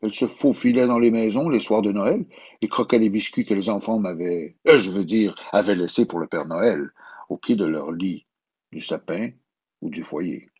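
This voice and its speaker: Man doing a jolly old bearded shopkeeper, hearty and teasing, quebec french accent, bit husky. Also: lowish voice, normal speed, darkish tone, muffled recording.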